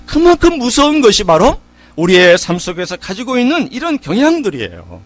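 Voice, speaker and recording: A man's voice: high-pitched, huge pitch swings, brisk, no room sound, faint music behind. A middle-aged man preaching a sermon as pastor, telling stories in a conversational way and asking rhetorical questions. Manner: conversational storytelling.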